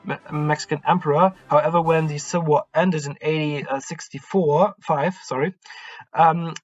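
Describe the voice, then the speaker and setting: A man's voice: on the high side, steady tone, moderate pace, lo-fi sound, faint music behind. A man with a German accent giving a casual history talk, hesitant and full of ums and self-corrections. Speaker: history channel host.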